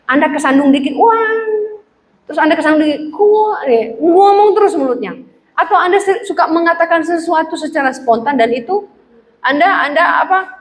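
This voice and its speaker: A woman pastor preaching a sermon in a church, lively and humorous, acting out the voices in her stories. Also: high-pitched, slight background noise. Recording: echoey church hall with faint ambience.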